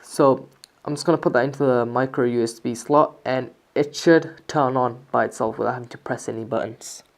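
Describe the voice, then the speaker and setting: A person reviews a product casually, going through its features step by step in narration that sounds scripted. The voice is medium-pitched, gravelly, and steady, moving a little fast.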